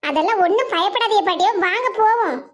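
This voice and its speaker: A woman doing a brisk, high village neighbor. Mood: concerned. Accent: Kanyakumari Tamil. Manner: quick, coaxing, reassuring. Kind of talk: animated comedy voice acting.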